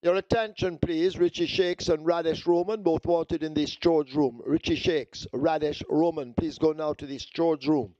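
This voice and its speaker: A man making a formal paging announcement over a public address loudspeaker, repeating the call in a measured way. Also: fairly high pitch, steady tone, no echo, highs cut off. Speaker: racetrack announcer.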